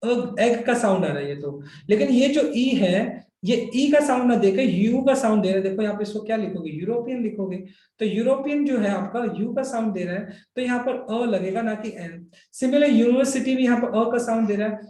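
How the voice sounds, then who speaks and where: A man's voice: high voice, animated, a little fast, mellow, reverberant. A man with an Indian accent teaching English grammar to students, mixing Hindi and English and checking often with "right?". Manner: addresses students directly, checks understanding with frequent "right?". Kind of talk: explanatory classroom lecture.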